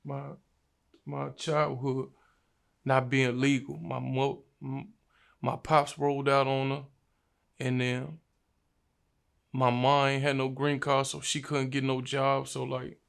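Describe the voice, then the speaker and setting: A man's voice: medium pitch, gravelly. A young man from Virginia, a rapper, telling his life story in a casual, slangy interview. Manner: laid-back, slangy storytelling.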